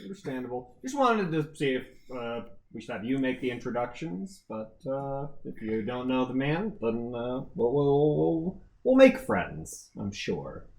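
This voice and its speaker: Tabletop player, male, mid pitch, rambling, echoey room sound. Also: very animated, measured pace, a little mellow. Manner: rambling with fillers, wry. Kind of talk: casual tabletop game chat.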